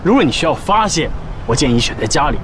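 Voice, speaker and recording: An actor playing an irritated husband who answers curtly and dismissively in a TV drama. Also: male voice, on the high side, big pitch swings, fast talker, fairly bright tone, a little hiss or hum. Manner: curt, dismissive.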